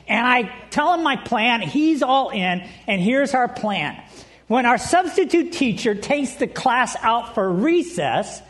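A pastor opening his sermon with a funny childhood story, animated and often laughing, speaking straight to the congregation. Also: extremely high pitch. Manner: addresses the congregation directly.

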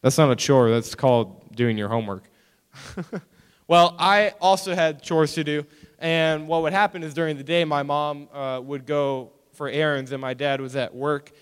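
Lively young man preaching, smooth voice. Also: a little high, normal speed, long reverb tail. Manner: animated storytelling with mock-whiny quoted voices. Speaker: youth pastor. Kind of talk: youth group sermon.

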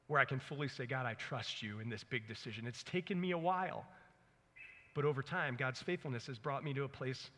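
With a mid-range, fairly bright voice, this man in his forties delivers a sermon earnestly and conversationally. He shares personal stories and plays out his own thinking aloud, all in a reverberant hall with a long echo.

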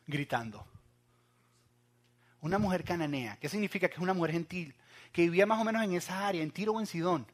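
A young pastor with a fairly high voice delivers a sermon, addressing his listeners directly. He shifts between loud, urgent cries and quiet asides.

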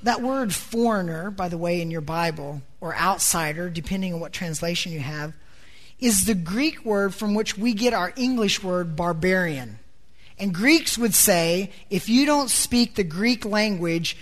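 A woman's voice: mid-range voice, a bit bright. A woman preacher delivering a sermon emphatically, posing rhetorical questions to the congregation and repeating words as she builds each point.

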